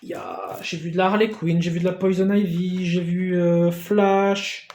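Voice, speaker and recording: A man in a casual unboxing vlog who gets excitable, swears casually and thanks the sender again and again. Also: high voice, moderate pace, roomy sound. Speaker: YouTuber opening a gift parcel.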